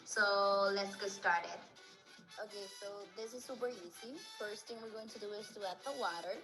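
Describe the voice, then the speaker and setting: A woman from the Republic, gently explaining a home cooking demonstration step by step. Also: mid-range voice, moderate pace, rough recording. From Dominican Republic. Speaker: student affairs coordinator. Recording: video with background music.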